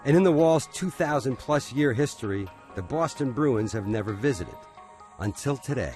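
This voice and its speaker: A man's voice: medium pitch, animated, moderate pace. A man giving scripted documentary narration as a studio voice-over, with an upbeat, wry storytelling manner. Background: soft music bed.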